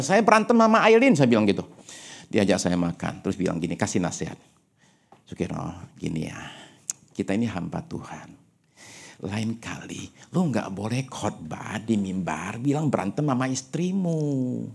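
A male pastor preaching a sermon with animated, humorous, personal storytelling, dropping English phrases into his speech. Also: fairly low pitch, gravelly. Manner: animated preaching with frequent rhetorical asides.

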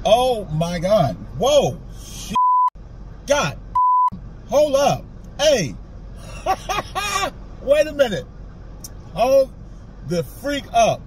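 A high-voiced man with a lively, swooping delivery reacts to a bite, chewing food while he talks. He is animated and profane, hyped at every taste. Faint street and car noise drifts behind him outdoors in the city. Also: extremely slow, long pauses. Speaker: food vlogger. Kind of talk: casual food review vlog.

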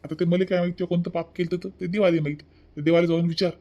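A man's voice: high voice, little pitch movement, quick pace, warm tone, highs cut off. A man with a Vidarbha Marathi accent voicing a lazy, back-talking thirty-year-old son in a cartoon. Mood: cheeky back-talk. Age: 30s. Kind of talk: cartoon voice acting.

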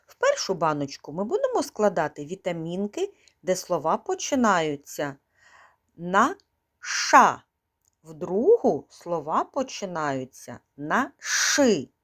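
A woman teaching a preschool literacy lesson, speaking slowly and in a sing-song way, drawing out words for small children. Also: medium pitch, reverberant. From Ukraine. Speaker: kindergarten teacher.

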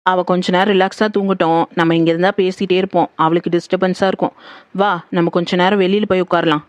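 Woman as a gentle consoling sister-in-law, dull lo-fi sound, dry. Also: lowish voice, flat delivery, quick pace, dry recording, close to an everyday voice. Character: caring elder sister-in-law, motherly. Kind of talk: horror audio drama.

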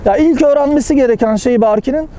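A young man teaching paragliding technique while he flies, calmly explaining and answering his own questions, recorded outdoors on a helmet-mounted camera. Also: very high-pitched, a little fast, rough recording. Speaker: paragliding instructor and vlogger. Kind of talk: in-flight instructional commentary. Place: outdoors, flying a paraglider over hills. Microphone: helmet-mounted action camera. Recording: faint wind noise.

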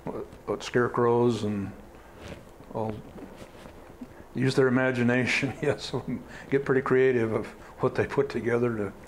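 A man's voice: mid-range voice, steady tone, a little slow, a little hiss or hum, low-quality recording. An older man, a fair superintendent, talking plainly and easygoing in a studio interview. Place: small TV studio. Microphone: lapel mic.

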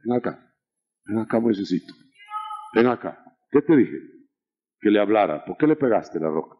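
A male preacher voicing God, who calls Moses aside and scolds him in a low, hushed, reproachful tone. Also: sing-song, moderate pace, muffled recording. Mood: stern. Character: stern divine voice scolding Moses.

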